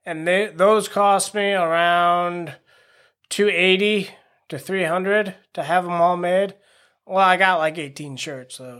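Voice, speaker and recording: High-voiced man rambling on his podcast. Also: a bit bright. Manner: rambling, self-deprecating, frank. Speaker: podcast host. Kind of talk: casual solo podcast monologue. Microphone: home podcast microphone.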